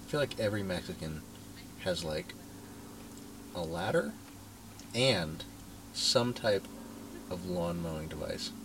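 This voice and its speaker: A man in casual chat, curious and quick to laugh, telling stories and swearing. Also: sits low, big pitch swings, a bit bright, a little hiss or hum, low-quality recording. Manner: curious, laughs often, tells anecdotes.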